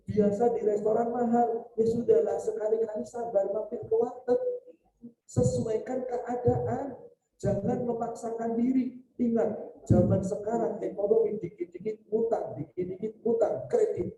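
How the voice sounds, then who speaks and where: A male preacher gives a humorous sermon and keeps putting questions to his audience. His voice is very dark and mellow. It carries through an echoey event hall from a mic set well away from him. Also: very high voice, moderate pace, recorded from a distance. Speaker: Islamic preacher. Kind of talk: sermon on marriage at a celebration.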